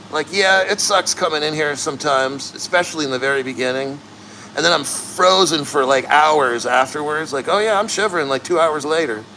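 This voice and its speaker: A man chatting casually and bluntly to livestream viewers, earnest and straining through the cold as he sits neck-deep in an ice plunge. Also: vocal fry, pushed and bright, slight background noise, poor audio. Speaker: livestream host.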